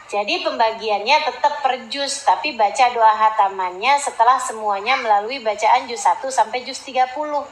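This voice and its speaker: A woman's voice: a little high, moderate pace, hardly any pauses, reverberant, rough recording. A woman preacher giving a casual sermon, reading out listeners' questions and answering them with teasing, chatty asides and laughs. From Indonesia.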